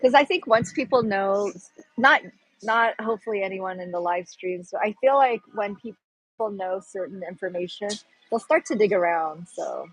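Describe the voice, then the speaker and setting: This livestream host, a Pacific Northwest woman with that region's American accent, chats casually and rambles as she searches for words. She speaks at normal speed in a mid-range, breathy-edged voice, with poor audio and no echo.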